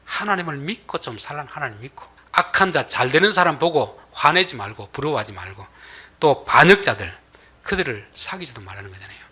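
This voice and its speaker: A man preaching a sermon as pastor, dramatic, swinging between loud emphatic bursts and soft near-whispers. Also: medium pitch, lively intonation, brisk, husky.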